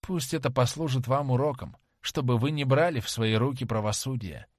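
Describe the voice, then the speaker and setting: A man voicing a young gentleman in an audiobook, tense and urgent in his speech. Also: medium pitch, normal speed, dry recording, clean studio sound, close to an everyday voice. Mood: stern. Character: young gentleman, frightened then cold and haughty.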